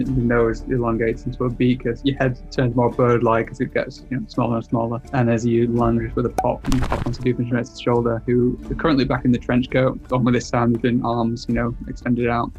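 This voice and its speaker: A man's voice: medium pitch, completely flat delivery, brisk, hardly any pauses, darkish tone, faint music behind. A man narrating as game master of a tabletop game in a laid-back way, with frequent chuckles.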